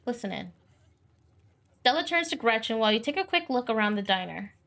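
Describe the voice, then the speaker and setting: A woman's voice: on the high side, big pitch swings, a little fast, a bit bright. A woman hosting a let's play, reading a visual novel aloud with sassy, laughing asides.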